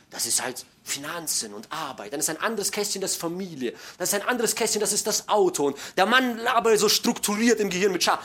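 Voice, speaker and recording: A middle-aged man preaching a sermon to his congregation, folksy and joking, dropping to hushed asides and then building to loud, emphatic passages. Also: high voice. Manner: folksy, joking, addresses listeners directly.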